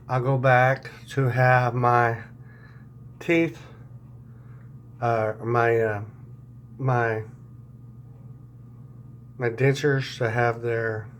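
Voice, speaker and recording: A man talking casually in an unscripted video diary, halting and searching for words, his speech affected by new dentures and a swollen mouth. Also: mid-range voice, a little hiss or hum. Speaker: vlogger sharing dental recovery diary.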